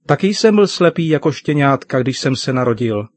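A man's voice: medium pitch, close to an everyday voice. A man voicing an eager, curious little boy in a children's story. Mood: excited. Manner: excited, pleading.

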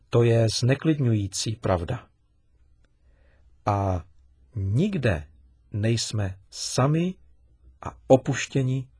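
Give me a man reading a devotional lesson earnestly, with a husky tone. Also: mid-range voice, a little mellow, no room sound, clean studio sound. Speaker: narrator.

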